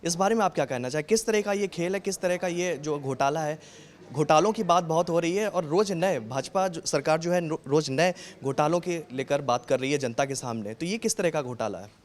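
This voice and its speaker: A male reporter with a somewhat raised pitch, putting probing questions to a political guest. He sometimes stumbles and restarts mid-question. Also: fairly quick. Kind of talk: interview questions.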